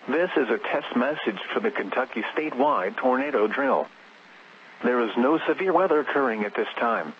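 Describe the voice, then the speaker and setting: A male weather radio announcer reads scripted emergency test announcements in a formal, measured, synthetic-sounding way over a staticky broadcast. His pitch is medium, and the lo-fi sound carries slight background noise.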